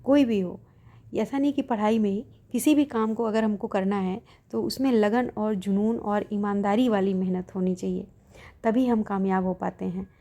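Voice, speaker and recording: A woman vlogging about exam preparation, giving motivational study advice in a casual way, speaking quietly on a home veranda at night so as not to wake her family. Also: medium pitch. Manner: speaks softly at night to avoid waking family. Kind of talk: casual study vlog narration. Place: open veranda at home at night, fan running.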